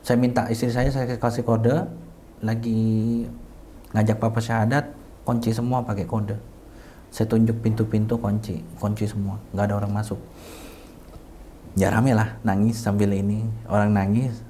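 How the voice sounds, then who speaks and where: A middle-aged man, an interview guest, tells a personal story with feeling, acting out the dialogue and sometimes sinking to a hushed near-whisper. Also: on the low side, level tone, moderate pace, pauses often, slight background noise. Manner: emotional retelling that acts out quoted dialogue; drops to a hushed near-whisper at tender moments. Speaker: community founder, interview guest.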